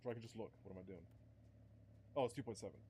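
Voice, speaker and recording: A man's voice: fairly low pitch, rapid-fire, mellow, slight background noise. Rambling young man streaming a racing game. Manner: rambling, swears, chats to viewers. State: starting to lose his voice. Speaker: gaming streamer. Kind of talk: casual live-stream commentary.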